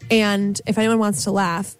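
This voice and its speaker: Young woman rambling on college radio, deadpan sarcastic, faint music behind. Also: medium pitch, moderate pace, smooth. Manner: dry, sarcastic humor; rambling storyteller. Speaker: former station manager, radio guest. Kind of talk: casual radio chat. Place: radio studio.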